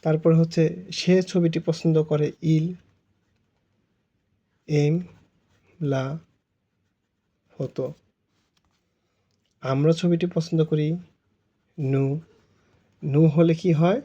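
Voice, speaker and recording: A man's voice: fairly high pitch, fairly even intonation, takes it slowly, pauses often, mellow, lo-fi sound. A Bengali-speaking man teaching French grammar, explaining it step by step with patient repetition and spelling words out letter by letter.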